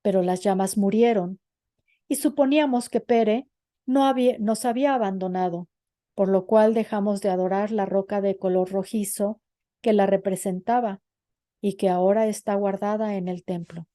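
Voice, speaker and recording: A woman voicing an old male elder who slowly explains ancient lore. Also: medium pitch, fairly even intonation, mellow, no room sound, studio quality, natural voice. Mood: grave. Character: old man elder, wise storyteller.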